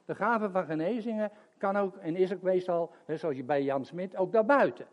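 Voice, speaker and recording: A man's voice: high voice, moderate pace, highs cut off. Older man preaching with a chatty laugh. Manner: chatty storytelling with chuckles. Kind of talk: sermon.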